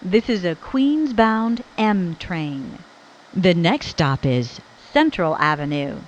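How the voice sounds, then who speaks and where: A woman's prerecorded train announcements, made of spliced-together phrases with station names joined in, spoken in a measured, evenly spaced way. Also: lowish voice, sing-song, a little hiss or hum. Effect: spliced-together recorded phrases, station names joined in. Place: inside a subway train car. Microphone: recorded announcement played over the train PA. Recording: dull lo-fi onboard speaker.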